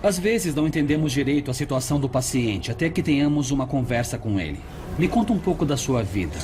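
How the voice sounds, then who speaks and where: An actor playing a calm emergency doctor with a Brazilian accent, explaining and reassuring in a dubbed documentary. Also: male voice, medium pitch, fast, noisy background, lightly acted. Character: calm, patient male emergency room doctor. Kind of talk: dubbed documentary dialogue and narration. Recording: music behind the voice.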